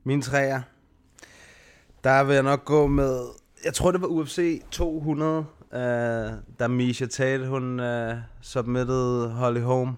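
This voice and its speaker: A man co-hosts a casual podcast chat. He sounds relaxed and easygoing, agreeing often with his partner and recounting events in plain talk. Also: mid-range voice, smooth. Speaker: podcast co-host. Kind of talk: casual chat about fighting.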